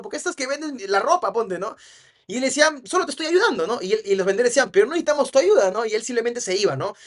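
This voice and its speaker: A man's voice: high voice, a bit bright. Casual man explaining sales techniques. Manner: casual, explanatory, with frequent tag questions; acts out quoted dialogue in a raised voice. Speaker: NLP trainer. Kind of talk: commenting on a book for students.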